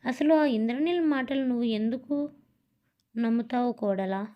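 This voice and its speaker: A woman reading the lines of an elderly father-in-law who questions gently and skeptically. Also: on the high side, moderate pace, dull audio, close to an everyday voice.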